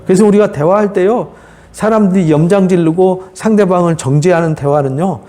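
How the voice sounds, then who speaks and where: A man, a pastor, giving an animated Bible lecture and acting out the quotes. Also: sits high, a little fast.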